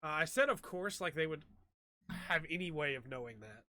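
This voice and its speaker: A man's voice: a little high, lively intonation, moderate pace, sharp tone. A man hosting a casual podcast chat, his voice slightly weak after an asthma attack. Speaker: podcast host.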